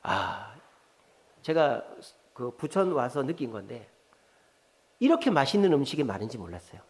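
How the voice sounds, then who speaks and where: A man's voice: medium pitch, very animated, normal speed. A middle-aged pastor with a Gyeongsang Korean accent, preaching in a chatty way, quizzing his congregation and telling jokes. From South Korea, Gyeongsang region. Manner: conversational, asks the congregation questions, jokes. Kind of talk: sermon. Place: church sanctuary. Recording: long hall reverb in a church.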